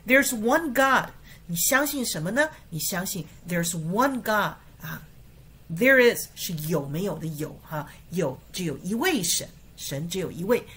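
A woman teaching English through a Bible verse, explaining words and reading slowly and deliberately, word by word. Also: on the low side, animated, fairly bright tone, slightly rough.

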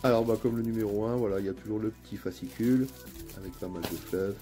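A man with a northern French accent hosts his own channel, narrating a casual unboxing in a chatty, relaxed way with lots of hesitations. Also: on the low side, fast. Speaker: channel host. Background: faint background music.

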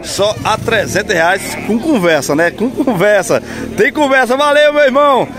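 A man's voice: sits high, animated, normal speed, background noise. A man vlogging at an outdoor livestock market, chatty and upbeat, asking sellers their prices and repeating them. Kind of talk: casual walk-around vlog with interviews. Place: crowded outdoor goat market. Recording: loud market crowd behind.

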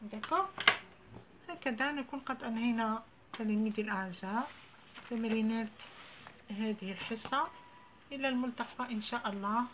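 A woman primary school teacher with an Algerian accent, explaining French grammar in a lesson, reading French slowly and explaining quickly in Arabic. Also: on the high side. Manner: slow, deliberate dictation of French words, switching to fast Arabic explanations. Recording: dull lo-fi audio with faint ambient noise.

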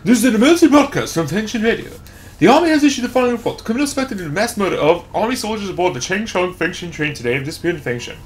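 A man doing a high, clipped emergency-broadcast announcer reading a bulletin, formal and urgent. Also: big pitch swings, racing.

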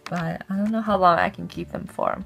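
Holding her phone at arm's length in her bedroom, a young vlogger chats cheerfully through a casual haul, close to the lens and dropping frequent ums. Her voice is lowish and creaky with a steady tone, she talks a little fast, and soft music plays in the background.

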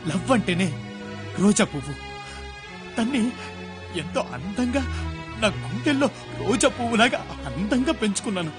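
A man's voice: high voice, very animated, moderate pace, long pauses, music in the background. A man playing a jilted young orphan in a film drama, anguished and crying, ranting and repeating his words. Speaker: heartbroken orphan lover. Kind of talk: Telugu film drama acting.

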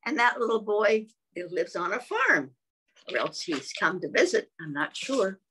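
Woman reading a kids book real slow, voice bouncing up and down a lot, keeps asking right?. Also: mid-range voice, animated, slight background noise. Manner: gentle, slow, explaining with frequent tag questions; clears throat often. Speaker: children's storyteller. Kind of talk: reading a picture book aloud to young children.

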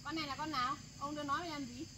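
A woman plays a defiant single mother who refuses again and again to give up her child. Her voice is high and sharp, and her words come quick. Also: fairly even intonation, a little hiss or hum. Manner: stubborn, repeating firm refusals. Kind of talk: staged family drama vlog.

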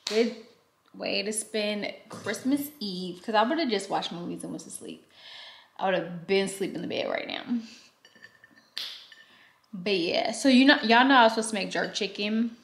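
A woman's voice: mid-range voice, normal speed, creaky, pauses often, echoey room. A young woman chatting casually in a vlog at home, talking to her phone, slangy, laughing and dramatic. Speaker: vlogger. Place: at home, indoors.

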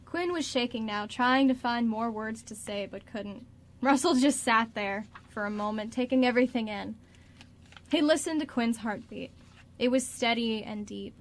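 A woman reads the narration for a scripted radio drama, telling the story between the characters' lines. Her voice is slightly on the high side and she speaks at a normal speed.

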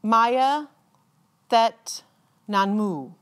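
A woman serving as a commencement announcer reads out names in a formal, ceremonial style, enunciating with measured deliberation and pausing between them. Her voice sits on the high side and is expressive.

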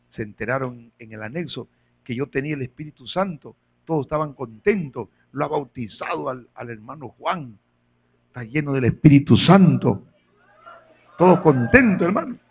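A man preaching a sermon, telling stories in quiet asides and rising to loud calls for praise. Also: medium pitch, expressive, normal speed, husky, phone-quality sound. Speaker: pastor.

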